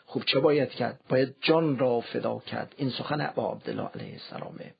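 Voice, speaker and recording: A man giving a formal, measured religious lecture in a very raspy, gravelly voice. The recording is dull and lo-fi, as if heard over a radio. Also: medium pitch. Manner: measured, formal, quoting scripture.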